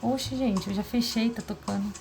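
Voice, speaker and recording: A woman talking casually in a diary vlog, confessional and rambling, with quick asides to herself. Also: on the high side, fairly even intonation, gravelly, music in the background. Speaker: vlogger.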